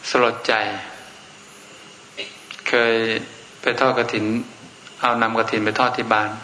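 A man's voice: mid-range voice, little pitch movement, takes it slowly, bright, forceful tone. A man, a Buddhist monk, giving an informal Dharma talk in a blunt, outspoken way. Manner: blunt and outspoken, with frank everyday speech. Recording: echoey room with faint noise.

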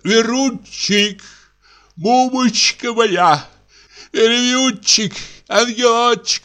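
A man reading an audiobook, voicing a fussy tipsy middle-aged man who pleads and whines in a high voice. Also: pushed and bright, heavily acted. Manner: pleading, whining, high and coaxing.

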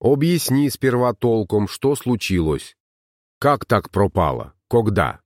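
A patient young scholar in a storybook, speaking in a measured, reasonable way, as a man reads him. The voice is low and the sound dry and close. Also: big pitch swings, dry recording. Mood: calming.

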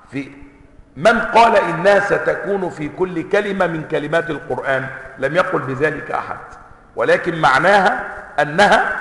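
Bright-voiced sheikh in an echoey hall. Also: male voice, a little high. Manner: reads quoted variant readings slowly and emphatically, then explains in quicker asides. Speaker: sheikh teaching Quranic sciences. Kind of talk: lecture reading and explaining a text. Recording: echoey hall with long reverb.

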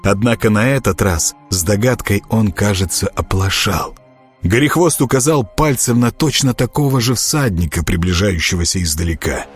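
A man narrating an audiobook in an expressive, animated reading. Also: lowish voice, moderate pace, slightly rough. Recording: narration with faint music behind.

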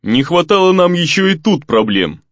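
A man's voice: on the high side, very animated, normal speed, no echo, dull audio, voice pushed up. A man voicing Grizzly, a blunt meddling companion. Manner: blunt and pushy.

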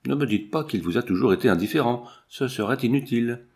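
A man reading the lines of an ardent young gentleman suitor in an earnest, pleading way. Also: medium pitch, animated, fast, close to an everyday voice.

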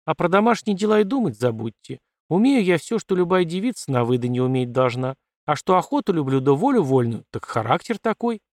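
A feisty, quick-tongued young woman, the daughter of a colonel, voiced by a male reader, pitched well above his usual voice and full of cheeky defiance. She answers back with pert, mocking confidence in a dry, close audiobook recording. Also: sing-song, dry recording. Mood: defiant. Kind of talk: audiobook character voice.

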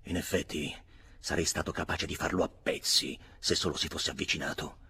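Deep husky male narrator for a literary audiobook, expressive. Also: fairly quick. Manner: dramatic, expressive first-person reading. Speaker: audiobook reader.

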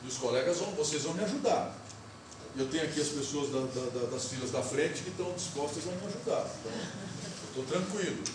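A man's voice: a little high, animated, fast talker, recorded from a distance. A man teaching a university class, explaining step by step as he draws and asking his students questions. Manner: explains step by step while drawing on the board, asks the class questions. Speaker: university lecturer. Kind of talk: classroom lecture. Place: lecture hall. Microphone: recorder far off in the room. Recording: echoey hall recorded from afar, noisy.

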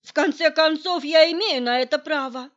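Woman reading as a stubborn guy who won't spill, defensive, raised and loud, audiobook. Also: high voice, normal speed, muffled recording, pitched above the performer's own voice, natural voice. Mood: indignant. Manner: indignant, defensive. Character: stubborn middle-aged man guarding his secret.

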